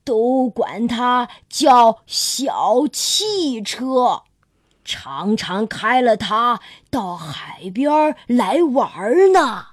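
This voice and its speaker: A kindly old sea turtle grandfather speaks with gentle, hesitant slowness, voiced by a woman. His voice is a little raised and dry, with no room around it, like a bedtime storybook character. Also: fairly high pitch, big pitch swings, no echo, pitched below the performer's own voice, heavily acted. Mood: amused. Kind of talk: children's storybook narration.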